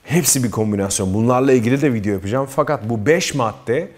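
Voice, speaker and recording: Speaking fast in a mid-range, darkish voice, a man talks to camera offering self-improvement advice. He's earnest and emphatic, frequently addressing his audience as friends.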